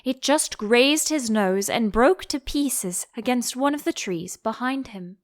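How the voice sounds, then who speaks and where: A woman reading a children's storybook aloud as an expressive audiobook narrator. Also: a little high, measured pace.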